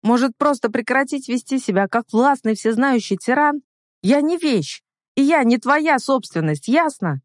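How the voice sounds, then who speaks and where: A woman's voice: lowish voice, expressive, moderate pace, darkish tone, no room sound. A reader voicing a stubborn, hurt young woman in a storybook reading, pleading and emotional, in a dry recording. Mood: defiant.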